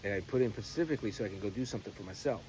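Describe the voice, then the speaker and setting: A man chatting casually in a rambling, halting way with mild swearing, as a vlogger recording on his phone. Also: fairly low pitch, darkish tone. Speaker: pipe-smoking vlogger. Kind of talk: rambling casual chat vlog. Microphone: phone camera. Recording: noisy phone recording with clear background noise.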